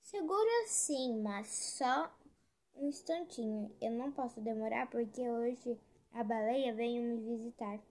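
Woman doing a high, drawn-out, easygoing manatee from a storybook. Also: darkish tone. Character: slow, easygoing male manatee.

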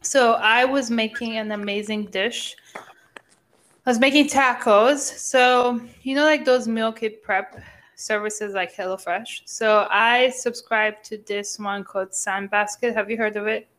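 A woman's voice: on the high side, fairly even intonation, a little slow, fairly bright tone. A young woman co-hosting a podcast in casual chat, rambling with fillers and restarts, a bit sick and coughing. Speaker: podcast co-host.

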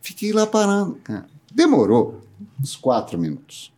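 Animated Brazilian man telling stories. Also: on the high side, normal speed. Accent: Brazilian Portuguese. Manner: animated storyteller who laughs often. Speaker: guest telling a story. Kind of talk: casual podcast chat.

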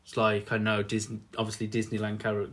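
A man co-hosting a podcast in casual chat, animated and quick to laugh. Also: fairly low pitch. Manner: animated, laughs a lot, mimics voices in quotes. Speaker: podcast co-host.

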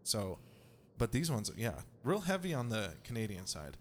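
A man's voice: lowish voice, very animated, normal speed, slight background noise. Laid-back young man hosting a podcast. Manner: laid-back, swearing, laughing often. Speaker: podcast host. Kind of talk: casual podcast chat.

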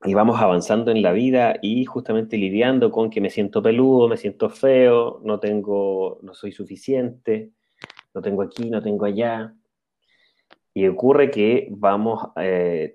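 A man giving a calm, reflective spiritual talk, often checking in with a questioning "ya" and pausing on "eh". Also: fairly low pitch. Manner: calm, explanatory, pauses with "eh". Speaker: spiritual speaker. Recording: dull lo-fi recording.

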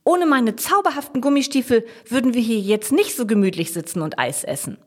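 A woman voicing an excited young girl in a children's storybook, gushing and bubbly. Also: mid-range voice, normal speed, breathy edge, voice pushed up. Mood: delighted.

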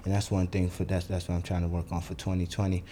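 A man's voice: deep voice, completely flat delivery, fast talker, mellow. A young man, ranting bluntly and profanely as a podcast host. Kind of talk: solo podcast monologue.

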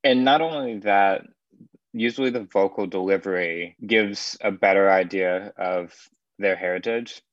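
A man with a very low voice co-hosting a casual music analysis chat, talking loosely about chords and production. The recording is dry and a little dull. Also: measured pace, dry recording.

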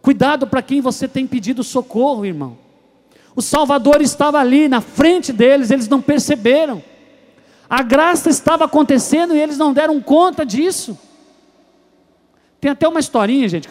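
A young man preaching a sermon from Brazil, telling stories and acting out voices, moving between soft and loud. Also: extremely high pitch, a little fast.

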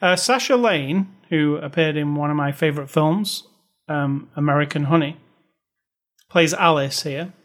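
On a casual film review podcast, a young British co-host gets wry and opinionated as he picks apart bad accents with his co-host. His voice is a bit high for a man and a little slow, his complaints animated and emphatic.

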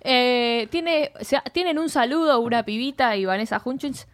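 A chatty woman with a Rioplatense Spanish accent, talking over a film with friends in a loose, joking way. She is animated and breaks into quick mock voices when she quotes a scene. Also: fairly high pitch. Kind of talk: casual chat reviewing a film.

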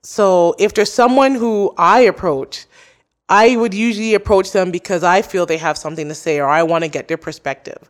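A woman's voice: lowish voice, moderate pace. A woman who hosts a podcast, interviewed as a guest and talking in an earnest, chatty way full of "like" and "you know". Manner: chatty, many likes and you knows. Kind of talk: casual interview chat.

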